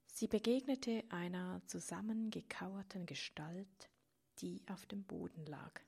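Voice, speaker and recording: Woman reading a tale real slow, breathy whispery, kinda low. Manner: soft, partly whispered delivery. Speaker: storyteller. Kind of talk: scripted narration, whispery.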